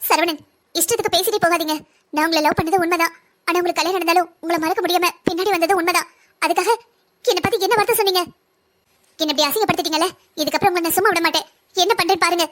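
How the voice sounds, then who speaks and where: A woman's voice: very high voice, steady tone, rapid-fire, fairly bright tone. A woman voicing a scheming, manipulative young woman in a cartoon, wheedling and threatening by turns. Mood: pleading, threatening. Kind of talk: cartoon voice acting.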